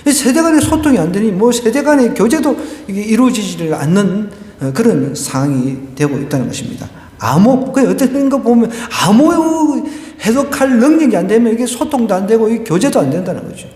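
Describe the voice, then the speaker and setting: A man's voice: high-pitched, very animated, brisk, warm tone. A male pastor giving a conversational sermon, asking the congregation questions and telling a humorous story. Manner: conversational preaching with rhetorical questions and a told joke. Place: church sanctuary. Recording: echoey church hall.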